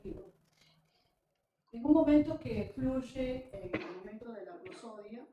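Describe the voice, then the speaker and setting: Woman, audience comment, thinking aloud, higher mellow voice, distant echoey recording. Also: animated, a little slow, lo-fi sound. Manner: thinking aloud, searching for words. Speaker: seminar attendee. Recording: distant, echoey audience mic with faint room noise.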